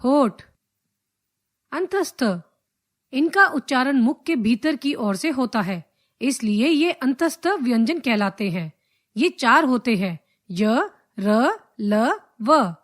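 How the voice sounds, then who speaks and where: A woman teacher reading a grammar lesson in a measured way, drawing out each letter and example. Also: sits high, big pitch swings. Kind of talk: slow scripted grammar lesson.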